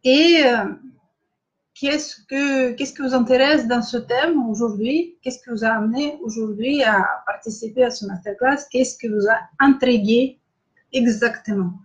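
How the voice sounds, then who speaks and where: A middle-aged woman with a Russian accent leads an online masterclass in a slightly high voice. She talks very slowly and hesitantly, filling gaps with drawn-out pauses. The stream audio sounds dull and lo-fi. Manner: slow, hesitant, with many filler pauses, greeting viewers by name. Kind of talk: live-streamed lecture.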